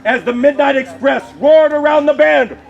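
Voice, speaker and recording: A man with a very high voice narrates in a theatrical storybook style. Music plays clearly behind him. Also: normal speed, highs cut off.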